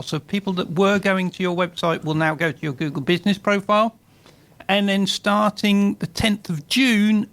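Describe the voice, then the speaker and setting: A man's voice: sits high, fairly bright tone. A man, a guest expert on a radio show, explains website updates in a plain, matter-of-fact way and sounds slightly lisped through his microphone.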